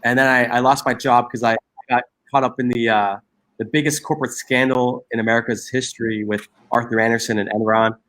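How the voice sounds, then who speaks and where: The recording is rough, capturing a medium-pitched, somewhat bright voice with fairly even intonation and a quick pace. An Egyptian social entrepreneur in his forties, he answers interview questions earnestly and reflectively, restarting often and using many fillers.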